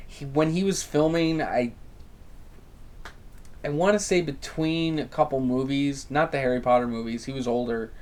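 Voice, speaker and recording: A man's voice: medium pitch, moderate pace. A young man hosting a casual podcast chat, ranting animatedly and swearing freely. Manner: swears a lot, animated rants. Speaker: podcast host.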